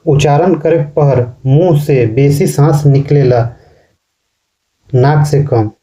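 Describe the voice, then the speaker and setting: A man teaching a class in slow, repetitive explanations, often ending sentences with a questioning tag. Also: medium pitch, mellow. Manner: explains slowly, repeats words and ends sentences with a questioning "ना". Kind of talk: classroom lecture.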